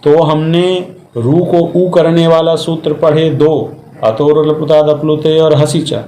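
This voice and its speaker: A man's voice: on the high side, steady tone, slow pace, warm tone, echoey room. A man giving a methodical classroom lecture on Sanskrit grammar, explaining step by step with examples. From India.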